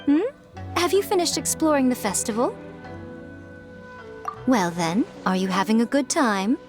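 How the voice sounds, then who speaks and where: A woman's voice: fairly high pitch, lively intonation, unhurried. An actress playing an elegant, teasing, knowing woman in a video game, poised and coy in her delivery. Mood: knowing, kindly. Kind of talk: video game character acting. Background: game music.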